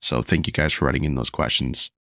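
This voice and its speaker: A man's voice: very deep voice, fairly even intonation, brisk, fairly bright tone, no echo, clean studio sound. A man hosting a solo podcast, talking in an earnest, confessional way while losing his voice and feeling unwell. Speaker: podcast host.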